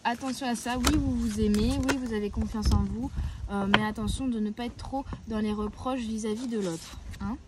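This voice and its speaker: Woman, oracle card reader, gentle, hesitant, outdoors, noisy recording with clicks. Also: a little high, fairly even intonation, normal speed. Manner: hesitant, often searching for words. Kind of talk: weekly card-reading guidance. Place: outdoors, near a tree.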